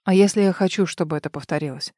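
Quiet, controlled young nobleman, as a woman reads him; low, even voice in a dry, close sound. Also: quick pace, no echo, lightly acted. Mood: teasing. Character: calm, cold-voiced young nobleman, a commander.

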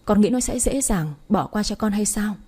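A woman's voice: medium pitch, animated, normal speed, mellow, breathy edge. A woman reading the part of a worried, stern middle-aged mother who scolds her daughter. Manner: scolding, reproachful. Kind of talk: audiobook story reading.

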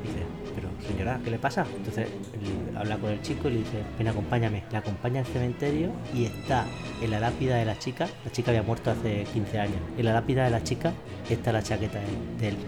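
A man's voice: lowish voice, fast, loud music behind the voice. A man chatting casually with friends, laughing often and telling stories with animation. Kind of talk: casual chat among friends.

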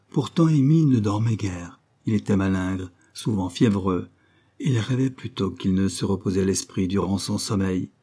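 Audiobook narrator, man, measured reading, dark mellow tone. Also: fairly low pitch, husky. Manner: measured, storytelling. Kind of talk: scripted literary narration.

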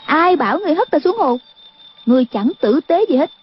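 A woman voicing a mischievous, spiteful teenage girl from a martial-arts story, shrill and taunting in a dull lo-fi recording. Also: lively intonation, moderate pace, slight background noise.

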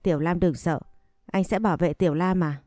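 A woman voicing a gentle, simple-minded young man who talks like a child. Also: lowish voice, steady tone, fairly quick, no echo, clean studio sound, faint music behind, lightly acted. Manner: naive, childlike speech.

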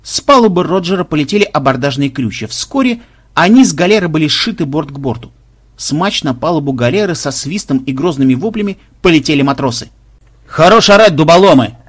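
Male narrator, a bit high-pitched, lively comic audiobook read. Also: fairly quick, breathy edge. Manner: lively storytelling, acting out every character.

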